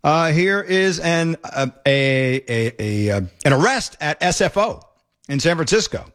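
Into a studio broadcast mic, a talk radio host offers opinionated commentary in a sarcastic, mocking, excitable way. His voice runs on the high side and his pace is unhurried.

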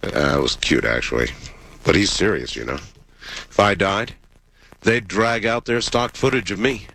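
A man's voice: sits low, moderate pace, gravelly, fairly bright tone, slight background noise. An American man hosting a casual radio call-in show, wry and dry-humoured, sick with a cold.

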